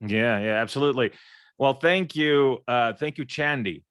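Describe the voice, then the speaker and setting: A man's voice: mid-range voice, normal speed, fairly bright tone, clear, resonant tone, dry recording. A middle-aged man from Ukraine moderating a casual panel chat, joking and stumbling over repeated words.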